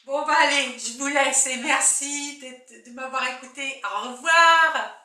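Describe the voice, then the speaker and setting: A woman's voice: high-pitched, unhurried. An older woman chatting casually to camera, exclaiming and musing aloud as she unpacks and shows clothes in a room at home. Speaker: YouTuber showing a clothing haul. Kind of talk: casual unboxing chat to camera. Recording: echoey room, distant mic, faint noise.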